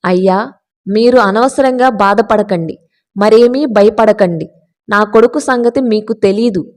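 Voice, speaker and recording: A woman voicing a kind, calm royal mother of five sons in a read-aloud story. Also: mid-range voice, measured pace, natural voice. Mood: reassuring. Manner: soothing, reassuring.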